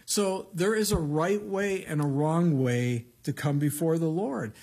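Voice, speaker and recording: A man's voice: fairly high pitch, unhurried, a little mellow. A male pastor giving an evening Bible-teaching sermon into a pulpit microphone, preaching in a conversational, plain-spoken way with emphatic asides.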